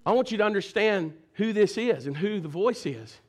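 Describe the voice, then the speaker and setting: A preacher man with a very high, ringing voice, delivering a fervent sermon at a church service. He calls out to the congregation, at times shouting and at times dropping to a hushed, low delivery. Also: lively intonation, moderate pace. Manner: swings between shouting and hushed low talk. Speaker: pastor.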